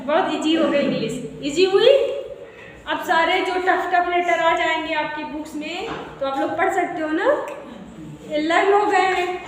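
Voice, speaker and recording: A woman's voice: extremely high pitch, a little slow. A woman with a cold giving a classroom lesson as an English teacher, who keeps asking her pupils questions and answering them herself. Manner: repeats questions to pupils, calls them beta. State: has a cold. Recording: echoey room from far off, noisy.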